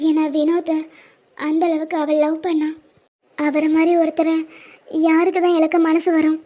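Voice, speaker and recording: A gentle, heartbroken young woman from a cartoon love story, voiced by a woman, tearful and pleading. Her voice is high and fairly level, with a dull lo-fi sound. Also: level tone, normal speed, natural voice. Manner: soft, pleading. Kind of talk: cartoon voice acting.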